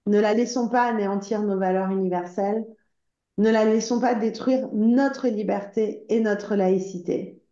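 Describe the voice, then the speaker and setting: An association spokeswoman from Iran pleads with a conference audience to act, her impassioned speech earnest and urgent but broken up by frequent hesitant fillers. Her tone is mellow and dark at a middle pitch. The recording sounds slightly muffled and dull, in a roomy, echoing space.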